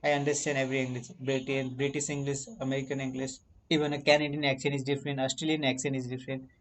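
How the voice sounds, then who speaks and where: A man's voice: mid-range voice, little pitch movement, quick pace, low-quality recording. Man talking at length on a call. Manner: non-native English, repetitive, talks at length. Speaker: conversation partner. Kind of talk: casual conversation practice.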